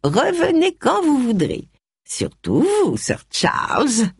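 A woman voicing a very old, sly and gossipy lady, in a high, quavering, drawn-out voice. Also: wildly swooping pitch, creaky, no echo, studio quality, full character voice.

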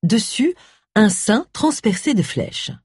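A man's voice: sits high, very animated, slow, a little mellow, slightly rough, dry recording, studio quality. A man narrating an audiobook expressively, voicing all the parts himself. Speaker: audiobook reader.

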